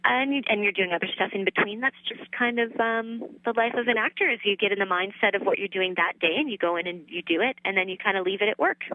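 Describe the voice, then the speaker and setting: A woman voice actress in her thirties, chatting easily as an interview guest, with relaxed fillers and a light, laughing manner. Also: medium pitch, fast, few pauses, rough recording. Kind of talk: casual interview chat.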